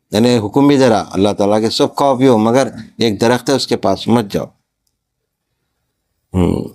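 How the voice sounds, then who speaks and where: A man's voice: mid-range voice, a little mellow. A man with a Pakistani Urdu accent, reading a religious story aloud and stopping to explain each passage in plain words.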